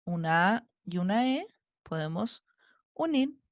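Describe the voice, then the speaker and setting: Slow, patient woman teaching a class. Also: mid-range voice, sing-song, no room sound, dull audio. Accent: Chilean Spanish. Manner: slow, patient, counting syllables aloud step by step. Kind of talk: recorded online class lesson.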